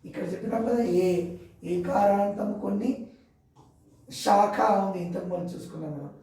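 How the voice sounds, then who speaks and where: Male teacher, high voice, slow repetitive explanation, far from mic, heavy room echo. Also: warm tone. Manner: explains slowly, repeating words and their plurals. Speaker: Hindi teacher. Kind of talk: classroom grammar lesson.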